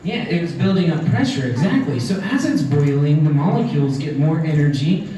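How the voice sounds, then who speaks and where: With a warm, slightly high voice and lively intonation, the young science educator talks fairly quickly, enthusiastically explaining each stage of his live demo to the children. The setting is a large indoor event hall. Distant miking makes the sound echoey, and crowd chatter fills the background.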